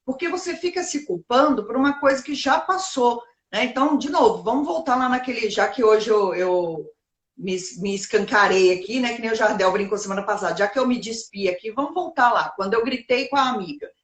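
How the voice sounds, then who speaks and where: A woman's voice: fairly high pitch, fairly quick. Reflective woman, roomy sound. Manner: reflective, poses rhetorical questions and answers them. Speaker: host of a live self-help talk. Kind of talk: casual live talk.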